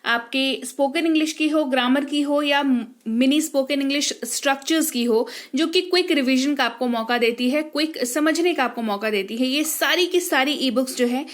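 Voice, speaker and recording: Indian lady teacher, high voice, walks thru spelling rules and keeps asking ok? got it?. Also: normal speed, hardly any pauses. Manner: explains step by step, keeps checking understanding. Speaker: English teacher. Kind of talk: teaching pronunciation lesson.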